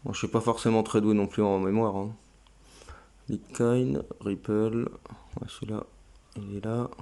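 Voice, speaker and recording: Here the crypto channel host talks in a fairly low, gravelly voice with a dark tone, keeping his delivery level and unhurried. He casually leads viewers through a website in a screen recording, hesitating and leaning on many fillers.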